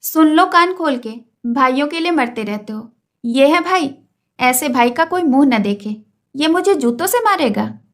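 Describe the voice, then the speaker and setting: A woman reading as a fierce, sharp-tongued village mother. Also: high-pitched, animated, unhurried. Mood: taunting. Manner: scolding, heated reading.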